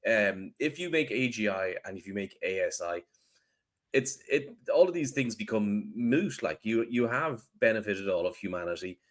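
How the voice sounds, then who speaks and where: A man co-hosting a podcast, arguing his point in casual debate with wry, deadpan sarcasm. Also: on the low side, moderate pace. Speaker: podcast co-host.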